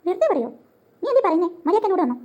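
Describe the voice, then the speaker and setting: A woman's voice: very high voice, sing-song, very fast, darkish tone, lo-fi sound. A woman voicing a bossy, stubborn young cartoon girl who scolds and makes demands. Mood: demanding.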